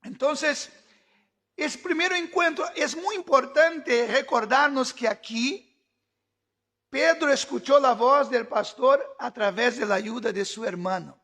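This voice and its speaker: Very high-voiced fervent male preacher. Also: measured pace. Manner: fervent preaching, shouting at peaks. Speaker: pastor. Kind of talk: sermon.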